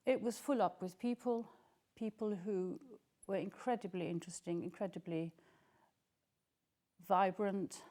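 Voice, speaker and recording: A woman's voice: mid-range voice, steady tone, unhurried, pauses often. An older woman telling childhood memories in an interview, enthusiastic and full of "um"s. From Scotland. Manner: warm, enthusiastic storytelling with frequent "um"s. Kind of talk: reminiscing interview.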